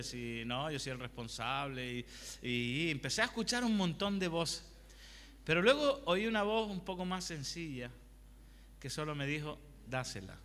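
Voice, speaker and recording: Bright-voiced male pastor preaching. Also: a little high, slight background noise. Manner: conversational preaching with rhetorical questions; tells personal anecdotes. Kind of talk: sermon. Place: church hall. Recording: long hall reverb.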